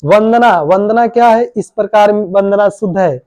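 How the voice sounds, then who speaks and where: High-voiced teacher quizzing spellings. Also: male voice, measured pace, dark tone, dry recording. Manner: quizzing questions, then answering them himself; addresses students familiarly as "babu" and "bhai". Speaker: coaching teacher. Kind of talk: exam-prep spelling lesson.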